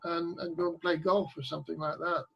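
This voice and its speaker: High-pitched husky male interviewer. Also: level tone, a little fast, lo-fi sound. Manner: stammering, repeats words while forming questions. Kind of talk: unscripted interview questions.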